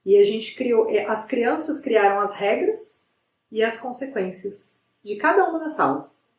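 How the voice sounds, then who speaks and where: A middle-aged woman, a psychologist guest, telling a story in a lively way with many restarts. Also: fairly high pitch, a little slow, far from the mic. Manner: animated retelling with frequent restarts. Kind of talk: conversational storytelling in an interview. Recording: roomy sound from off the mic.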